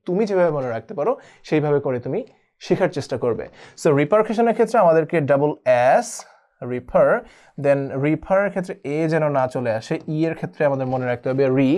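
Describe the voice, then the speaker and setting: Man spelling words out slowly. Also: fairly high pitch, darkish tone. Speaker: online spelling tutor. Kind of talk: spelling lesson.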